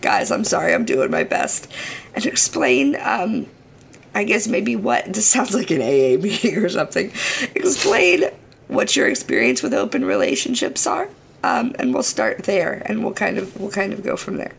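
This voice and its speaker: A woman hosting a podcast in casual chat with a hoarse, shot voice, rambling playfully and swearing. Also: medium pitch, very animated, moderate pace, a little hiss or hum. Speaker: podcast host.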